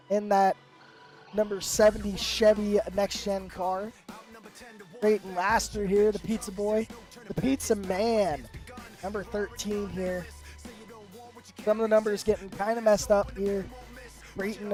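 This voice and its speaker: A man's voice: sits high, darkish tone. A man commentating a live sim race, upbeat and rambling with fillers, his voice worn from the flu. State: sick with flu.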